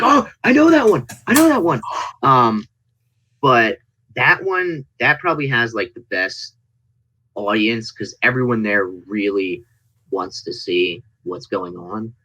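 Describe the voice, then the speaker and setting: A man chatting casually as an interview guest, telling stories in an animated way and acting out people's reactions. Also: medium pitch, poor audio. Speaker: interview guest, indie wrestling performer. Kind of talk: casual interview chat, anecdotes.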